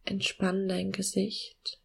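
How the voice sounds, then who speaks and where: Soft breathy lady doing a guided meditation, almost whispering, super slow, bit of creak. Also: mid-range voice, completely flat delivery. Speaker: podcast host guiding a meditation.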